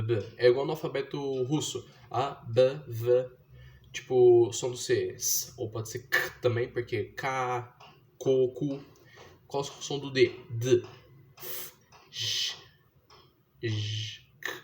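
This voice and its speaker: A man's voice: mid-range voice, a little hiss or hum. A young man from Brazil, talking casually and explaining step by step, with slangy fillers. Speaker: vlogger teaching his younger sister to read. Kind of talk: casual slangy monologue to camera.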